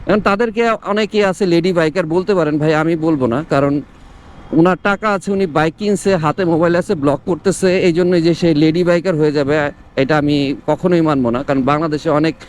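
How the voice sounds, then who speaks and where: A man's voice: on the high side, fairly quick. A man with a Bangladeshi accent giving casual opinion commentary to his viewers as a motovlogger, mixing English words into his talk, speaking from inside a helmet. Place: outdoors on the road, talking from inside a helmet. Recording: outdoor traffic and vehicle noise.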